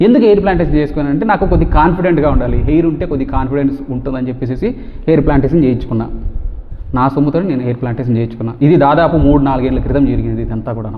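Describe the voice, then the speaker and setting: A man vlogging to camera, talking fast and forcefully and firing off repeated rhetorical questions. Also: mid-range voice, slight background noise. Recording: tinny phone-like sound with long reverb.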